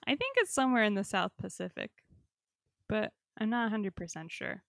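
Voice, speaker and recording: A woman's voice: medium pitch, big pitch swings, a little fast, vocal fry, dry recording. Podcast co-host lady, jokey and self-deprecating, mid voice, dry mic. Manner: joking, self-deprecating asides. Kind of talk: casual chat.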